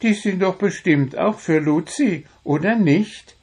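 A man voicing a cheerful, meddling little male kobold in a high, bubbly, chatty voice. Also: unhurried, a little mellow, husky, exaggerated voice. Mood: cheerful teasing.

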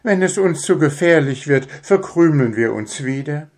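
A man's voice: on the high side, animated, moderate pace, darkish tone, voice pushed up. A man voicing an anxious but sensible female mother hare in a children's storybook. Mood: fretful. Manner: hesitant, fretful.

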